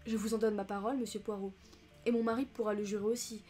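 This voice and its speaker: A woman's voice: medium pitch, little pitch movement, fast, warm tone, natural voice. A woman voicing a dignified young countess who speaks with composed, restrained intensity in an audiobook reading.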